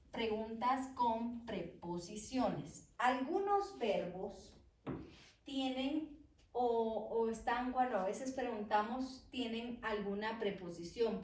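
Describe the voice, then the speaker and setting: A woman teaching an English grammar lesson, explaining slowly and carefully and drawing out each example word. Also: on the high side. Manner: slow, careful, stretches example words while writing. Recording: echoey room, voice from far off the mic.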